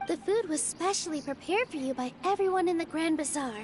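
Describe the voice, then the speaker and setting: A woman voicing a gentle young female game character who welcomes guests to a feast. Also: very high voice, fairly quick, slight background noise. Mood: welcoming. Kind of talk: game voice acting. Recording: game audio with music.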